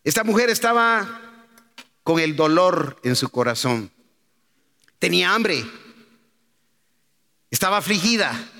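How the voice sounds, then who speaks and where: A man's voice: sits high, animated, slow pace, creaky, pauses often, bright, forceful tone. A man preaching a sermon, calling out emphatically and asking rhetorical questions. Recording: long hall reverb.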